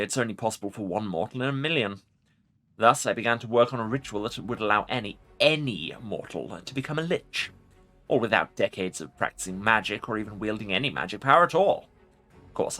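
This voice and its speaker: A man's voice: fairly low pitch, expressive, brisk, sharp tone, soft background music. A man voicing an ancient undead lich from a fantasy game, arrogant and imperious, with pompous formal speech. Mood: grandiose. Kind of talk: dramatic video game role-play reading.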